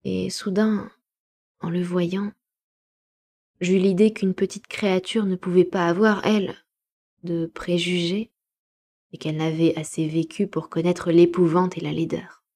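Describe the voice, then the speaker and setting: Woman reading an audiobook, dark low voice. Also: flat delivery, unhurried, long pauses. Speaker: audiobook reader. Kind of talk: live audiobook narration.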